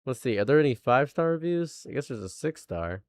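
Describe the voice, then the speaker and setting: A man's voice: medium pitch, sing-song, brisk, a little mellow, no echo. Man in his late twenties, dry close sound. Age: late 20s. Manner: rambling and repetitive, laughing often. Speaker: live streamer. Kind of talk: casual live-stream chat.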